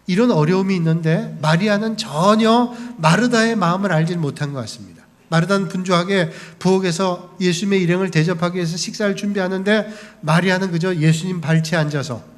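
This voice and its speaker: A man's voice: sits high, brisk. A man preaching as a pastor, telling the story and briefly acting out the people in it. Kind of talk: sermon. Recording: long hall reverb.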